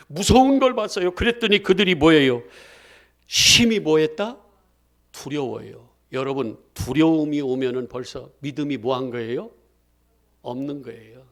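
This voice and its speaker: Throwing out questions to his congregation and then answering them himself, a male pastor delivers a lively call-and-response sermon. He has a fairly high, gravelly voice.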